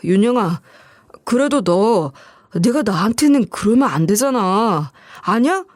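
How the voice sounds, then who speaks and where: A woman's voice: mid-range voice, animated, a little slow, dry recording, clean studio sound, close to an everyday voice. A woman voicing a greedy, scornful middle-aged ex-husband who wheedles and sneers in coarse speech. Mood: wheedling.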